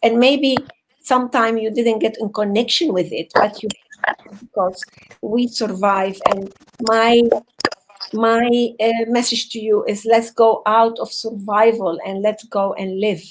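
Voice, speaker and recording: A Venezuelan psychotherapist appears as a guest speaker over a video call, giving a heartfelt motivational talk. She speaks earnestly and haltingly, often repeating words while searching for phrasing, in a slightly high voice with a steady tone against a noisy background.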